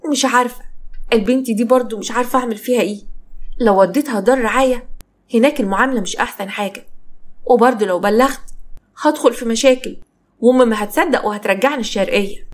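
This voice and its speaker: A frank, independent young Egyptian woman talks quickly and earnestly, voiced by a woman narrator. Her tone is plain and caring. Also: on the high side, lightly acted. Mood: worried. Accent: Egyptian Arabic.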